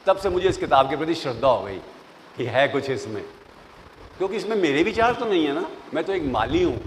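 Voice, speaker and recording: An older man, a professor, giving lively classroom advice, telling stories and acting out the voices of people in them. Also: on the high side, a little fast. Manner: animated, storytelling, mixes English phrases, acts out quoted voices. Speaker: professor giving interview tips. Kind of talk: classroom lecture. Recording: long reverb, faint noise.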